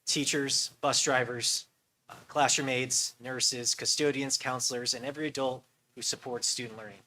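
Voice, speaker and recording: A man giving an earnest, measured presentation to a school board, with occasional ums. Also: medium pitch, steady tone, bright, forceful tone, a little hiss or hum, rough recording. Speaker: school finance official.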